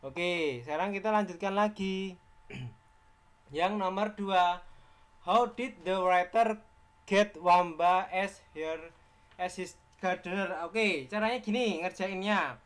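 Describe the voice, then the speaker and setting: A man with an Indonesian accent teaching an exam-prep lesson, explaining step by step, quizzing his students and repeating key words. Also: high-pitched.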